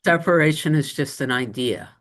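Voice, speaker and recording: A woman's voice: deep voice, normal speed. A woman taking part in a spiritual discussion group over a video call, earnest and thoughtful, searching for her words. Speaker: group participant.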